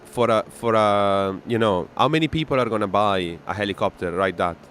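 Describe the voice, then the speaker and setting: Here the same Italian flight-sim streamer talks at a normal speed in a fairly bright voice on the low side, casually answering viewer messages and laughing readily. Music runs in the background with slight noise.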